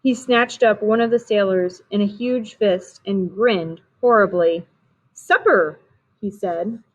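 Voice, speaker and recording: A woman reading a storybook aloud in a steady, clear manner, on a dull lo-fi recording. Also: medium pitch, measured pace. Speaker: reader.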